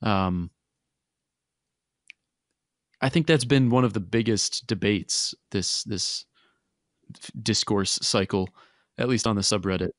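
A man's voice: fairly low pitch, a little slow, no echo. Rambling man on a close, dry podcast mic. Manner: rambling, frequent restarts and laughs. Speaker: podcast co-host. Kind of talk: casual chat.

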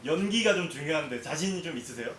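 Male interviewer, fast and friendly, reverberant room. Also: fairly high pitch, lively intonation, a bit bright. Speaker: producer interviewing the parents. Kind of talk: casual interview questions. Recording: echoey room.

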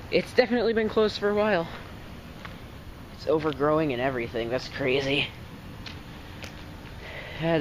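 A man's voice: mid-range voice, a bit bright, rough recording. A man casually narrating as he walks around outside a closed store, thinking aloud and easily amazed. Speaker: vlogger exploring a closed store. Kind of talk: casual walkaround commentary. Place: outdoors by an empty store and parking lot. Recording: outdoor noise and traffic under the voice.

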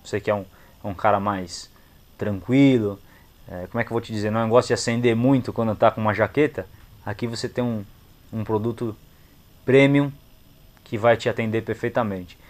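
Fairly quick and fairly even in intonation, this young man's lowish, darkish voice carries a Brazilian accent as he gives a casual product review in clipped, slangy phrases. He's indoors at a motorcycle gear shop. Background shop ambience is clear on the recording.

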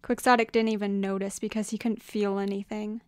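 A woman narrates a story aloud with a smooth, clean voice. Her delivery is measured and expressive, recorded dry and close. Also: medium pitch, no room sound. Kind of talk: fan fiction audiobook reading.

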